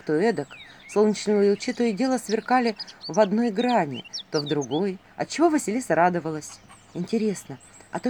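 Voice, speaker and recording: A woman narrating a fairy-tale audiobook in an expressive, animated storytelling manner. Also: mid-range voice, a little hiss or hum.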